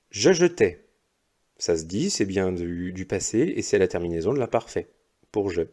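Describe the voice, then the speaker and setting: Patient low-voiced male teacher. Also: mellow. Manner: slow, patient, explains step by step. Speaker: primary school teacher. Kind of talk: recorded lesson correcting exercises.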